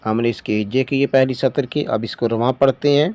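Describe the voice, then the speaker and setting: A man teaching Quran reading, spelling each syllable out slowly and then explaining the rule quickly. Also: medium pitch, steady tone, a little mellow. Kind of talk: Tajweed lesson, spelling out syllables.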